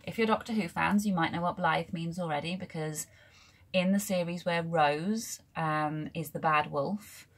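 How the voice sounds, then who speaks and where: A woman's voice: on the low side, a little slow. A young woman in casual book haul chat at home, rambling into asides and filling gaps with ums. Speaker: book vlogger. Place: room full of books at home.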